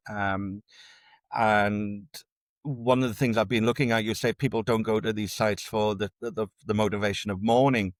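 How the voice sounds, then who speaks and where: Male academic guest, low voice, stop-start repetitions, dry close recording. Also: dry recording. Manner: repeats words and restarts often while building an argument. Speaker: dark tourism researcher, guest. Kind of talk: conversational academic interview.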